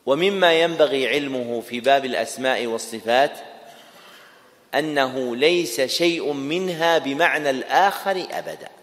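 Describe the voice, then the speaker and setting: A man teaching a class on creed, repeating each key term slowly as if for dictation and putting questions to his students. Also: mid-range voice, fairly bright tone, in a large hall. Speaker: Islamic scholar teaching a class.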